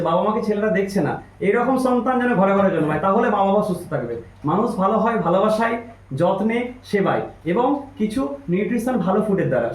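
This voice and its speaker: A man from West Bengal with a high voice speaks as a nutritionist in a promotional video, pressing his point with emphatic repetition. His voice rings in an echoey room. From Hooghly district, West Bengal, India. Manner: emphatic, repetitive sales talk. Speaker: nutritionist promoting herbal products. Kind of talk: promotional testimonial pitch.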